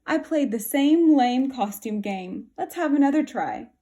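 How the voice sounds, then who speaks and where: Woman voicing a high giggly young mouse lady, teasing and frank, storybook. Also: animated, unhurried, dark tone. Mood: bright. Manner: laughing, teasing.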